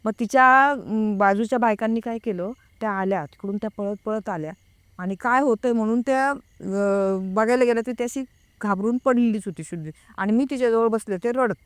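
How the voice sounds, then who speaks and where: A woman telling a personal story in a casual, hesitant way. She pauses to recall details. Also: a little high, clear, resonant tone, dry recording. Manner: reenacts a friend's frightened words. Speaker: guest recounting a personal experience.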